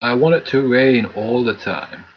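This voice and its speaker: A man's voice: mid-range voice, measured pace, highs cut off, a little hiss or hum. A man hosting his channel's Q&A stream, rambling casually with lots of fillers and restarts. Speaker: channel host. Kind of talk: casual live Q&A chat.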